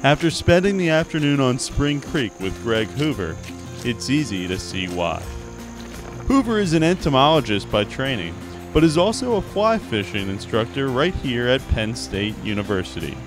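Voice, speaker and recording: Young male student reporter, lively. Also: mid-range voice, moderate pace, music in the background. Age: young adult. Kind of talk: news feature narration. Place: outdoors by a creek in woods. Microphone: handheld mic.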